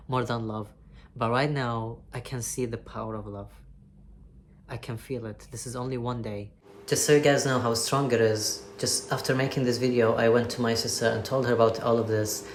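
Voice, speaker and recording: Rambling, heartfelt vlogger, mid-pitched voice. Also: a little hiss or hum. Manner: rambling and heartfelt, with frequent swearing and restarts. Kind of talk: candid confessional monologue.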